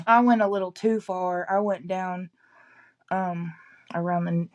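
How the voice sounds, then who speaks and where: A woman's voice: on the low side, fairly even intonation, slow. A woman with an East Tennessee accent, chatting casually as a local resident giving news, often backtracking and qualifying what she says.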